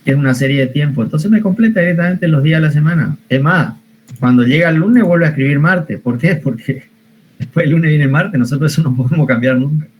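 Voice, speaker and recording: A man's voice: fairly high pitch, fast talker, dull audio. Patient Argentine male teacher, online class, faint room hum behind, quizzes his students. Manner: patient, repeats steps, asks the class questions. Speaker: computer science teacher. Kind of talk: online spreadsheet lesson.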